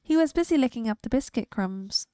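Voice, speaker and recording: A woman reading a children's picture book aloud in a slow, clear storytelling manner. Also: on the high side, lively intonation, warm tone, no echo. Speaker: reader.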